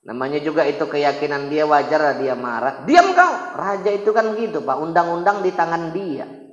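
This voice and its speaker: A male preacher tells stories in a lively, joking way, often jumping into other characters' voices. His voice sits high for a man. It carries through a large echoey hall with a long reverb. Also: moderate pace, muffled recording. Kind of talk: humorous storytelling sermon.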